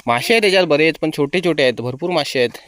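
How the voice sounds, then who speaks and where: A man's voice: on the high side, lively intonation, racing, a bit bright. A man vlogging outdoors by a stream pool, cheerfully urging children on as they catch fish. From Konkan, India. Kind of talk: casual outdoor vlog narration.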